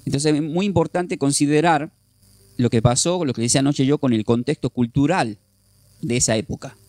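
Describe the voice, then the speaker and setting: A man's voice: medium pitch, normal speed, a little mellow, dry recording. A man teaching a Bible class, explaining step by step and often checking with his listeners. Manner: repeats and restarts while thinking aloud.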